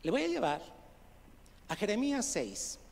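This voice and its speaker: A man preaches to his congregation in a fairly high voice, calling them brothers and firing questions at them. He drops to quiet asides, then rises into loud, emphatic outbursts. His words ring out with the long reverb of a large church hall. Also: wildly swooping pitch, a little slow, vocal fry. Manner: addresses listeners as brother, asks questions of the congregation. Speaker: pastor. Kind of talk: sermon.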